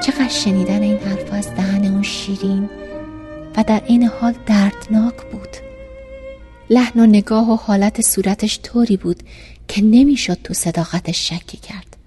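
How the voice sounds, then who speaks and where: Mellow woman narrating a diary. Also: medium pitch, soft background music. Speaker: audiobook narrator.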